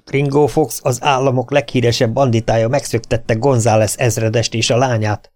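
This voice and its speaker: A man reading an adventure novel aloud in an even, measured way. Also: medium pitch, no echo. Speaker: audiobook reader. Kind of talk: scripted narration.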